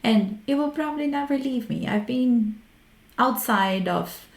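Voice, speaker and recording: A Brazilian woman with a Brazilian Portuguese accent hosts a solo talk on research methods, speaking frankly and reflectively. She often stops to restart her words. Her voice sits high and her pace is measured, with a roomy echo in the recording.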